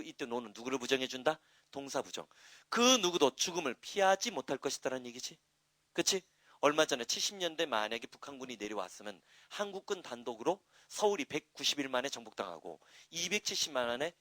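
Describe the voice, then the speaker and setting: A middle-aged man teaching an English grammar class, talking fast and loosely, asking questions and answering them himself. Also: fairly high pitch, no room sound. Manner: lively, talkative, asks and answers his own questions. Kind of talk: classroom lecture.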